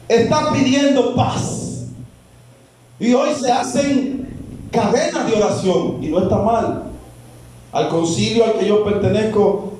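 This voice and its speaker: A high-pitched man preaches slowly to his congregation. He drives each point home with repeated words. His voice carries from away from the mic in a strongly echoing church. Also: warm tone, far from the mic, a little hiss or hum. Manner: preaching, rising and falling with emphatic repeats. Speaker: pastor. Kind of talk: sermon.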